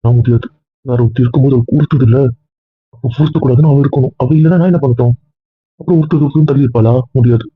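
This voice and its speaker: A man acting as a stern, lecturing young man in a homemade family drama, rattling off his words at a rapid clip. His voice is husky and dry, and the sound is thin and tinny, like a phone line. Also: mid-range voice, dry recording, lightly acted. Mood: defiant teasing. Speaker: actor in a family comedy-drama skit. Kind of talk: casual web-series acting.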